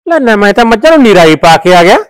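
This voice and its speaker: A village man back from feeding the buffaloes, played by a man, grumbling in an offhand way. His voice sits high and sounds smooth and clear. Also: very animated, fast talker. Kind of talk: village web drama acting.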